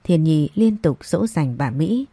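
A woman reading a scripted audio story as narrator, in a steady storytelling manner. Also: low-pitched, a little slow, husky, dry recording.

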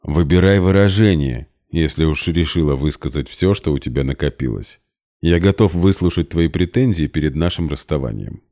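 A man's voice: a bass voice, animated, moderate pace, warm tone. Man playing a cold, curt wealthy man.

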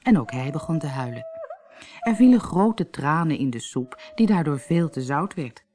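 A woman with a Dutch accent reading a fairy tale aloud in an expressive storytelling way. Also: low voice, moderate pace, slight background noise. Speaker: narrator.

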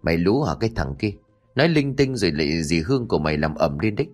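A man voicing a gruff older father who scolds his grown son. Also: deep voice, expressive, brisk, a bit bright, faint music behind, pitched below the performer's own voice, heavily acted.

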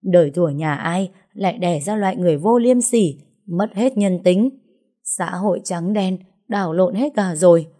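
A woman's voice: lowish voice, normal speed, dark tone, lightly acted. A woman narrator voicing a furious, heavyset middle-aged wife who hurls insults in an audiobook story. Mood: wailing. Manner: screeching insults, theatrical wailing.

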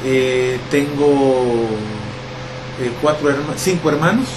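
A middle-aged man from El Salvador, answering interview questions in a reflective, relaxed way with many pauses and fillers. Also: medium pitch, background noise.

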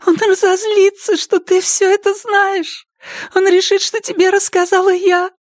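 A man doing a shrill, tearful, frightened young woman. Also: level tone, a little slow, no echo, studio quality. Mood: panicked. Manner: shrill, panicky, pleading. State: crying. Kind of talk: audiobook character reading.

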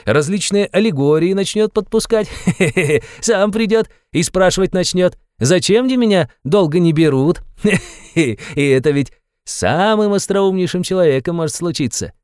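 A man's voice: high-pitched, animated, unhurried, a little mellow, clean tone, no room sound, clean studio sound, pitched above the performer's own voice. A man playing a fawning, sly old-school investigator. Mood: sly, needling. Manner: wheedling, fawning, full of sly asides. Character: sly fussy middle-aged male investigator.

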